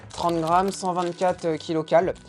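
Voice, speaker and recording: A man's voice: high voice, flat delivery, normal speed, faint music behind. A man giving casual, opinionated commentary while tasting food products, speaking informally and bluntly. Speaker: food taster and co-host of a nutrition review.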